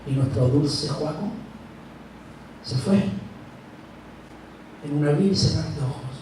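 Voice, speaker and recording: Middle-aged man, dark voice, echoey church. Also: fairly high pitch, slight background noise. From Chile. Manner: slow, halting, grief-heavy storytelling with long pauses. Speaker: speaker at a church. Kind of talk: personal testimony talk. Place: church hall. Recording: echoey hall, mic far off.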